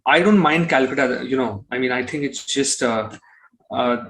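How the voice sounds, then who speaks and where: A musician from Kolkata with an Indian accent casually answers interview questions as a guest, often circling back over his wording with "you know." His voice is medium-pitched and a bit bright at a moderate pace, and the audio quality is poor.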